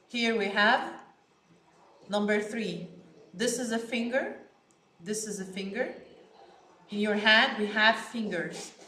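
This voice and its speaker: Very slow Egyptian woman teaching English. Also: on the high side, a bit bright, echoey room, slight background noise. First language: Arabic. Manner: repeats each word slowly and stresses it. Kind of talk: slow classroom vocabulary lesson.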